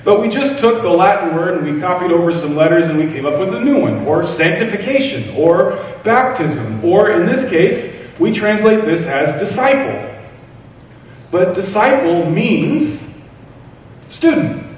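A man's voice: high-pitched, big pitch swings, normal speed, slight background noise. A man preaching a sermon, telling stories with self-deprecating humor. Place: church hall. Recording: echoey hall from far off.

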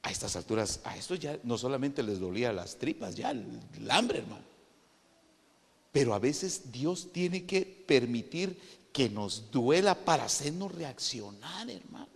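Guatemalan guy preaching, gets loud and worked up, keeps saying hermano, echoey church sound. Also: medium pitch, unhurried, vocal fry, slightly rough. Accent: Guatemalan Spanish. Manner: animated, addresses listeners as "hermano", rises to loud emphatic peaks. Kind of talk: sermon.

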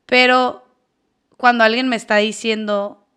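A woman's voice: a little high, level tone, a little slow, a bit bright, clean tone. A woman with a Mexican accent co-hosting a casual chat, frank and blunt, swearing freely. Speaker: podcast co-host.

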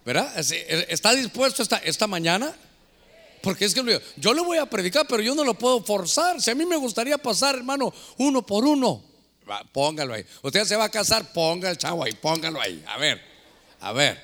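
A man preaching a sermon as pastor, with drawn-out, playful delivery. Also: high voice, big pitch swings, bright, forceful tone. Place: church.

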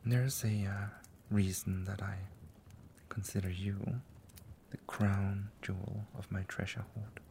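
A man voicing an affectionate, doting male dragon lover in an ASMR roleplay, talking softly and often in a tender whisper. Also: on the low side, flat delivery, slow pace, slight background noise.

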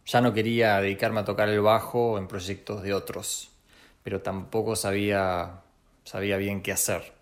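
Young man, thoughtful and measured. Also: on the low side, flat delivery. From Argentina. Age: young adult. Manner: thoughtful, measured, with small restarts. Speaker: guest musician. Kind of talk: first-person reflective monologue.

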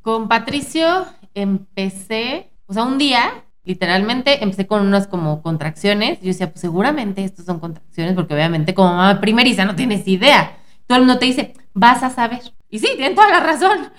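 A woman in her thirties with a Mexican Spanish accent, a podcast guest recounting her childbirth experiences in a relaxed, candid way. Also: a little high, moderate pace. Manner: relaxed, candid storyteller who quotes herself. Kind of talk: casual interview.

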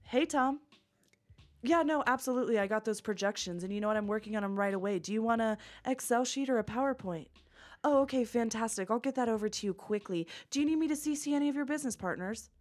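A woman's voice: on the high side, quick pace, a little mellow, natural voice. A woman playing a polite, upbeat office professional on a work call, with deferential business phone-speak. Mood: cheery, polite.

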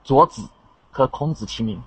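A man's voice: mid-range voice, moderate pace, heavy background noise. A young man chatting casually as a caller in an online voice chat. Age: young adult. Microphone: online voice chat microphone. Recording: dull, lo-fi voice-chat line.

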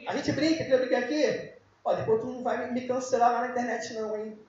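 A man preaching an informal youth sermon, joking and now and then breaking into shouts. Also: very high voice, fast, slight background noise. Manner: casual, joking, with bursts of shouting. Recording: very echoey, dull lo-fi room sound.

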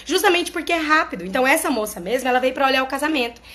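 High-voiced chatty woman. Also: lively intonation, racing, fairly bright tone. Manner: chatty and explanatory, often checks in with listeners. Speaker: therapist talking to followers. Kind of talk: casual monologue to followers.

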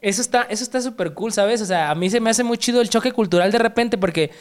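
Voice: mid-range voice, fast talker. A Mexican podcast host in casual conversation. The voice is midrange and easygoing, full of slang, looping back over its own words as it goes. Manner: laid-back, rambling, slangy, many restarts.

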